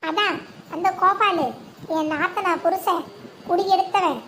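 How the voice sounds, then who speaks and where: A woman voicing a worried young village wife in a cartoon, talking in a hushed, confiding way. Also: very high voice, a little slow, rough recording. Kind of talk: cartoon voice acting. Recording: steady background noise.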